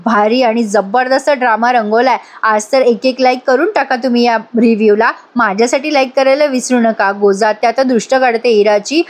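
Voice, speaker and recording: A woman's voice: on the high side, steady tone, normal speed, hardly any pauses. A woman narrating a voice-over review of a TV serial episode. She speaks straight to her viewers and reads out each character's lines herself.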